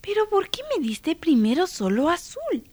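A woman voicing a young girl who is upset that she lacks musical talent, with a high, pleading voice. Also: sing-song, normal speed, a little mellow, no room sound. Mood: surprised.

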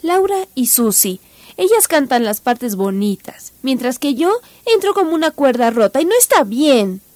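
A woman voicing a young girl in a storybook reading, high-pitched and complaining. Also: very animated, normal speed, a little mellow, no room sound. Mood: protesting. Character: young girl, fretful then good-humored.

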